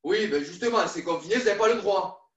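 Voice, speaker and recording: A woman voicing a stern male zoo keeper in a low, gruff voice during a children's lesson. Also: expressive, fairly quick, lo-fi sound, lightly acted. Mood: scolding. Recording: echoey room, far from the mic.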